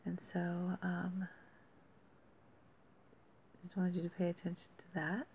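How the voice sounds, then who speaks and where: Female amateur weather commentator, lower register, conversational and halting; lo-fi sound with faint noise behind. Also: monotone, creaky, darkish tone. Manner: halting, thinking aloud with pauses. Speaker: host of an amateur hurricane report. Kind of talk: casual unscripted commentary over weather maps. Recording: dull lo-fi audio with faint noise.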